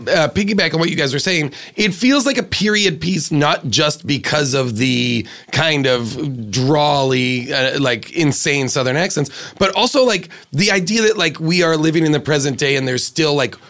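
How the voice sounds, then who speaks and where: Animated, questioning man on a podcast. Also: on the high side. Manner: animated, asks questions, halting restarts. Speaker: podcast co-host. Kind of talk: casual movie review chat.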